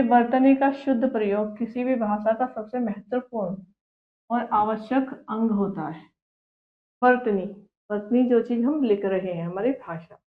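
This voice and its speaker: A female Hindi teacher leads a children's grammar class at a slow, careful pace, saying each word twice and asking the class questions. Her voice sits a little high. The sound is thin and tinny, with a roomy echo around it. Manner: patient, repeats each word twice and asks questions back.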